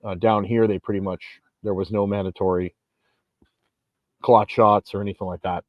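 A vlogger and gym owner in his forties talks casually on a beach in a lowish, level voice at a moderate pace. His monologue is emphatic and rambling with frequent restarts, and the recording is dry and muffled.

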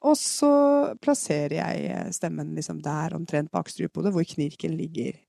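A woman from Norway giving a chatty live podcast singing lesson, explaining technique and demonstrating vocal fry sounds. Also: deep voice, dark tone, no echo, studio quality. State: has a cold. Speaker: singing teacher. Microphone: podcast microphone.

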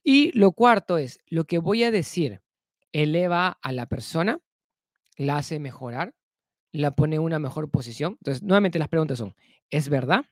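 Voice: medium pitch, lively intonation, normal speed, no echo, clean studio sound. A speaker giving a spoken self-help lesson who keeps repeating key phrases, asks rhetorical questions and leans often on "entonces" to link ideas.

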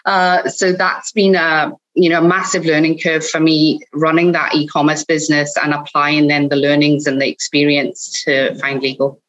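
Middle-aged Welsh woman, blended accent, lowish voice, chatty and self-correcting guest, dull remote recording. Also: flat delivery, moderate pace, hardly any pauses, fairly bright tone. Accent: Welsh with Scottish and Australian traces. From Wales. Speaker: podcast guest, lawyer. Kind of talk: casual interview talk.

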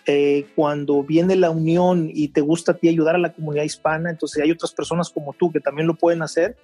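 A middle-aged man from Veracruz, an interview guest telling his story in an unhurried way, with frequent restarts and fillers. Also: fairly high pitch, flat delivery, dark tone, breathy edge, faint music behind. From Mexico (Veracruz). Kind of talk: conversational interview.

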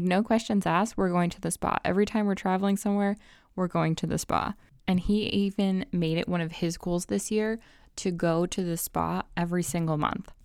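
A woman's voice: lowish voice, vocal fry, clean tone, no echo, clean studio sound. A woman giving tips in a casual personal vlog, in an upbeat, tidy advice-giving manner with emphatic repetition. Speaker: lifestyle advice vlogger.

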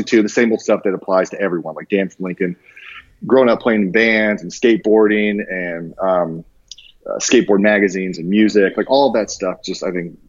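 A man in his thirties with a low, husky voice chats informally as a podcast guest, sounding slangy and self-deprecating. He is a branding designer who grew up mostly overseas, in Japan, and shares personal anecdotes. The recording is dull with no room sound.

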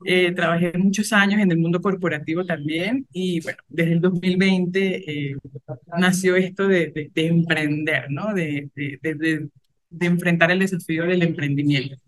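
A Venezuelan-accented woman answers as an interview guest. Her voice sits low for a woman, and she explains in a conversational, halting way with repeated words. The sound is dry. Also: fairly even intonation, no echo. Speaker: podcast guest, entrepreneur.

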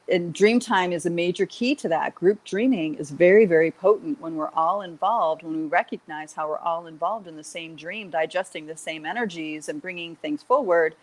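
A woman giving an informal spiritual talk as a teacher leading an online group, with a halting, searching delivery. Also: lowish voice, darkish tone, low-quality recording.

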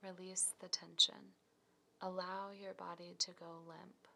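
A woman leads a scripted guided relaxation in a soft, breathy, near-whispered voice, giving slow, calm, soothing instructions. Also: fairly low pitch, slight background noise.

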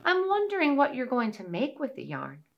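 A woman voicing a tiny, polite, curious female mouse in a storybook tale, with a high, eager voice. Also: wildly swooping pitch, moderate pace, gravelly, dull audio, full character voice.

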